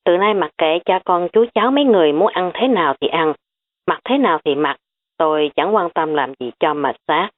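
A woman's voice: fairly low pitch, animated, fairly quick. Woman reading a bossy middle-aged aunt barking orders, tinny phone-like audio. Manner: commanding, scolding.

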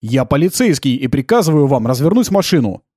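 A man doing a stubborn policeman, bossy, loud, slightly raised voice, dry close sound. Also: mid-range voice, big pitch swings, brisk, no room sound. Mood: insistent. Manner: loud, insistent orders. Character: stubborn male policeman, demanding and commanding.

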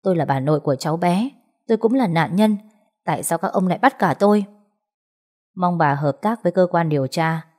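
A demanding old grandmother, impatient and imperious, snapping out her words, as a woman storyteller puts her on. The voice sounds low and mellow. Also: lively intonation, brisk. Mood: indignant. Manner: sharp, demanding, indignant.

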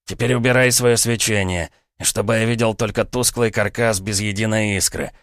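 A man's voice: fairly low pitch, fairly even intonation, normal speed, fairly bright tone, no echo, studio quality, pitched above the performer's own voice, lightly acted. A man voicing a vicious, jumpy armed bandit who snarls and barks orders in a storybook reading. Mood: cold menace.

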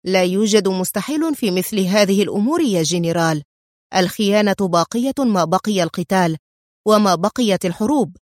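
A woman reading the lines of an angry, sharp intelligence officer in an audiobook story, speaking forcefully and lecturing. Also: lowish voice, no room sound, studio quality, lightly acted.

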